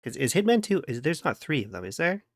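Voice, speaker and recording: A playful male streamer talks to his chat in a mid-pitched voice, now and then breaking into little hummed tunes. The sound is dry and close, with no room around it. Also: very animated, fast talker, no room sound. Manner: playful, giggly, hums and scats to himself while working. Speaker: streamer chatting with viewers. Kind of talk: casual live-stream chat.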